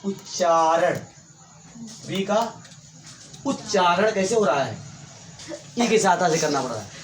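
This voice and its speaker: A man's voice: high voice, lively intonation, slow pace. A man teaching English grammar to a class, repeating points and quizzing his students. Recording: echoey room, faint hiss.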